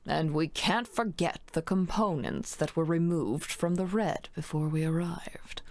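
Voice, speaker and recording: A woman voicing a cold, smug older male killer, reading visual novel dialogue in a deliberate, drawn-out, resigned way. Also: low voice. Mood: calculating.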